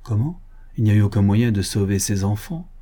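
A man reading an audiobook, voicing a cheerful, generous young prince with a brisk, kindly commanding manner. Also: lowish voice, lively intonation, mellow. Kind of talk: audiobook character voice.

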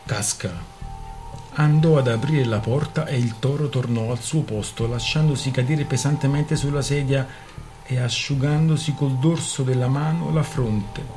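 A man reading a novel aloud on the radio with expressive, theatrical storytelling. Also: mid-range voice, measured pace, faint music behind. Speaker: radio reader.

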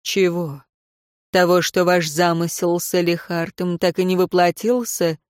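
Lady playing a bitter jailed nobleman in an audiobook, slow cold mocking delivery, dry close mic. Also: on the low side, steady tone, darkish tone, smooth, dry recording, natural voice. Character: bitter imprisoned nobleman, scornful and wounded.

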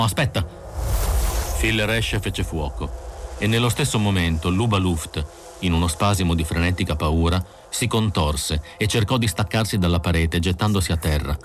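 Deep-voiced male audiobook narrator. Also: slight background noise. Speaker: audiobook reader.

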